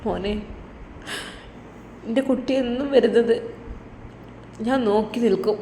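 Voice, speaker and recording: A woman's voice: on the high side, a little slow, warm tone. A woman doing a tearful old widowed mother. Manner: tearful, pleading, tender. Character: elderly widowed mother, grieving and tender. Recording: roomy with faint background noise.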